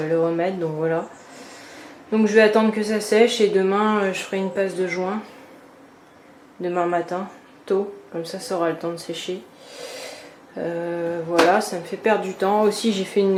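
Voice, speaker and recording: A woman's voice: medium pitch, darkish tone, a little hiss or hum. A woman renovating her own bathroom talks casually to the camera, venting her annoyance with lots of fillers and restarts. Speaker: DIY renovation vlogger. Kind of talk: casual vlog talk. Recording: echoey room.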